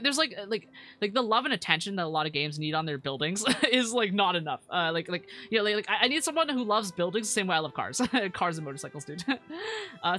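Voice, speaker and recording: A woman's voice: lowish voice, pushed and bright. A woman live streamer chatting casually over a game and reading out viewer comments, in a cute anime-streamer manner with slangy, stammering rambles. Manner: stammering, repeats words.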